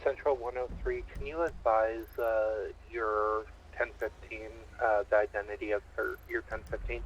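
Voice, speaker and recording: A man's voice: fairly low pitch, flat delivery, moderate pace. A man working as a police dispatcher over a police radio, speaking in short, clipped radio codes. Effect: police radio transmission. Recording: muffled radio with faint hiss.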